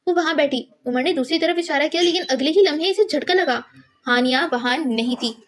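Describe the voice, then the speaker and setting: A woman reading a novel aloud as an audiobook narrator, steady and measured. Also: high voice.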